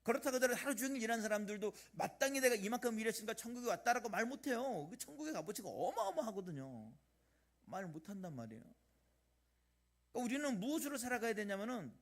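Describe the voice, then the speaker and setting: A middle-aged man preaching a sermon as pastor of a church, animated, swinging between loud emphasis and quiet asides. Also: high voice. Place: church sanctuary.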